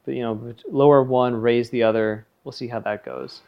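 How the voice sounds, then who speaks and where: Through a phone-connected headset in his living room, a young man co-hosting a podcast rambles through solo audio commentary full of self-corrections and chatty asides. His voice is medium-pitched, gravelly and steady at a moderate pace, with dull audio and slight background noise.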